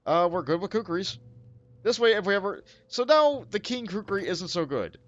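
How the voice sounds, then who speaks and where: A man's voice: sits high, big pitch swings, moderate pace, dry recording, muffled recording. A man hosting a let's play, thinking aloud in casual game commentary, full of fillers.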